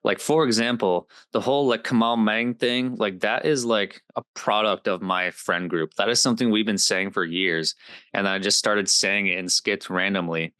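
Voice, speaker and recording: A man's voice: lowish voice, normal speed, pushed and bright, clear, resonant tone, no echo. A man in his twenties, a comedy creator, chatting casually as a guest, upbeat and rambling with lots of fillers. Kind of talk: casual interview chat.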